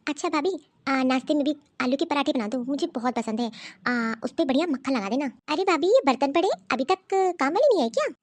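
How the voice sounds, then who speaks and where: A woman voices a scheming, bossy young sister-in-law in an animated cartoon story, coaxing others and ordering them around, her voice high-pitched and fairly quick.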